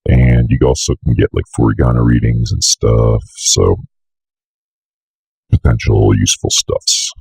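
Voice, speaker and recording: A young man with an extremely low, gravelly, raspy voice full of heavy vocal fry mutters offhandedly to himself as he works. He's a tutorial host giving a casual, unscripted walkthrough of a software setup, speaking unhurriedly with fairly even intonation. The sound is dry and close, with no room sound.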